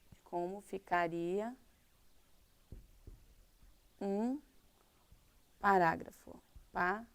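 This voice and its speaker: A woman's voice: mid-range voice, takes it slowly, clean tone. A woman teacher with a Brazilian Portuguese accent, explaining a primary-school lesson step by step and checking in with "tá?" and "ok?".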